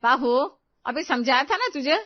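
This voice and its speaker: A woman voicing a strict, bossy middle-aged mother-in-law who scolds in a loud, commanding voice. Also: on the high side, lively intonation, normal speed, no room sound, pitched above the performer's own voice, lightly acted. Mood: scolding. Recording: slightly dull, dry close recording.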